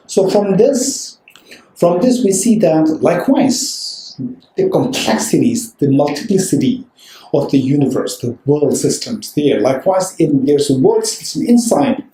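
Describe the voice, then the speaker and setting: A man with a slightly high, expressive, dark-toned voice speaks a little slowly while giving a dharma talk as a Buddhist teacher to a live audience. He keeps it conversational, checking in with the room with "right?" and "okay" and repeating phrases for emphasis. The recording has a roomy echo.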